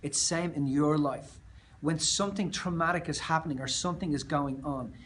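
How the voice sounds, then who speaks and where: An Australian man speaking as a motivational speaker, telling a personal story in an earnest, emphatic way that often trails off softer. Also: on the high side, normal speed, a little hiss or hum.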